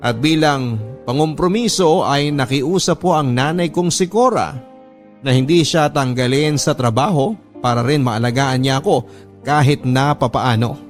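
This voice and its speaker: A man's voice: mid-range voice, normal speed, faint music behind. A man in scripted narration, recounting a family story in an earnest, polite, confessional tone.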